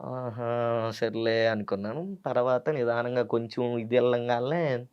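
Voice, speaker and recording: A man's voice: medium pitch, measured pace, smooth, lo-fi sound. A young man with a Telangana Telugu accent, a guest earnestly telling his childhood story in an interview. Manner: earnest, quotes family dialogue, grows animated at the twist. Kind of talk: emotional personal storytelling.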